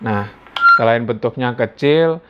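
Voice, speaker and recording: Unhurried and clear, with a resonant mid-range voice, an Indonesian product reviewer casually handles and reviews a gadget indoors at home. He talks informally as if musing aloud, on a dull lo-fi recording.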